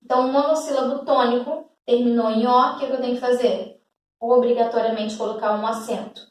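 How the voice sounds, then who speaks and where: A woman's voice: on the high side, steady tone, a little fast, distant mic. A woman teacher, explaining a grammar rule step by step to schoolchildren and often checking that they follow. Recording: echoey room, away from the mic.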